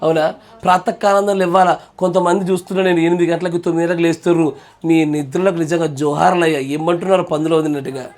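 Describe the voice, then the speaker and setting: A man preaching with a notably high voice. His delivery rises and falls from near-hushed to shouting at the peaks. He teases his listeners with a chuckle and drops English phrases into his sermon. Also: little pitch movement, fast talker. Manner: swings between hushed and loud, shouting at peaks, chuckling and teasing the congregation. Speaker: pastor.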